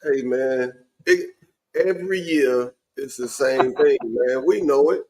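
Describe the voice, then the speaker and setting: Guy hosting a sports podcast with his boys, regular mid pitch voice, real informal. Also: takes it slowly, darkish tone, poor audio. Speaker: podcast host. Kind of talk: casual sports talk among friends.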